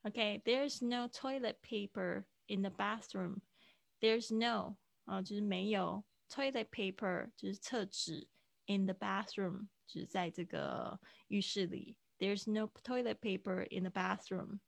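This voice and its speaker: A woman patiently explains English phrases to students in a live online class. Her voice has a gravelly edge, and the sound is dry and close, with no room behind it. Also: medium pitch, fairly even intonation, unhurried, no room sound. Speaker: English teacher.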